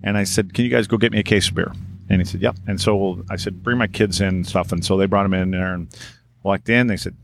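A man's voice: deep voice, fairly even intonation, quick pace, gravelly, slight background noise. A man, a podcast guest telling blunt, profane stories and acting out both sides of old conversations. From Wisconsin. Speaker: podcast guest, former hockey player. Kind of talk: casual storytelling.

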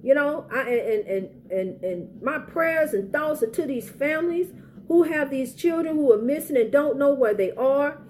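A middle-aged American woman speaks in a notably high voice with a soft, mellow tone. She gives homespun advice earnestly, pleading and circling back to press her points. There is faint noise behind her. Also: animated, unhurried. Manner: earnest, pleading, repetitive exhortation. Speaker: parent speaking out in a personal public service message. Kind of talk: informal heartfelt advice monologue. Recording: faint background noise, ambient sound.

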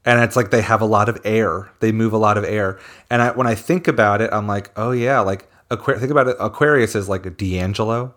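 A man's voice: lowish voice, fairly quick, hardly any pauses, fairly bright tone. A man, a musician guest, chatting casually and animatedly, spinning playful theories. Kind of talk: casual chat.

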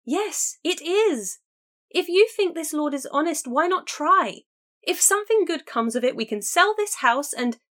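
For an audiobook, a woman voices an eager young woman who urgently pleads with her sister to take a chance, pitching on the high side, just above her own voice yet close to an everyday sound. Her animated delivery at normal speed is bright, urgent and persuasive.

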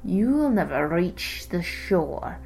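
A menacing old fire-breathing sea serpent, put on by a woman, drawing out each slow word in a low, mellow voice. He sounds ancient and threatening, and soft music sits faintly behind him. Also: sing-song, vocal fry, breathy edge, heavily acted, low-quality recording.

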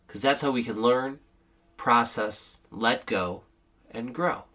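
A man's voice: medium pitch, takes it slowly. Encouraging male podcast host, sick voice. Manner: encouraging, gently paced. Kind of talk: motivational solo podcast.

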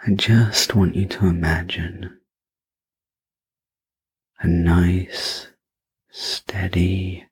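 A breathy, gently soothing ASMR role-play in the manner of a sleep story narrator, guiding the listener through relaxation. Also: sits low, low-quality recording. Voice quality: breathy, husky soft voice.

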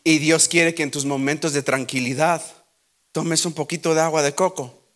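High bright-voiced bilingual preacher man. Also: fairly even intonation, moderate pace. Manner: switches between Spanish and English, acts out Bible scenes with shouting. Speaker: pastor. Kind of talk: bilingual sermon.

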